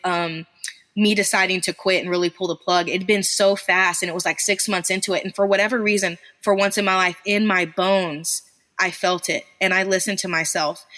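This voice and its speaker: A woman's voice: mid-range voice, fairly even intonation, normal speed, bright, forceful tone. A young woman guest telling her story in a candid, chatty, self-deprecating way, laughing often. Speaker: podcast guest, small business founder.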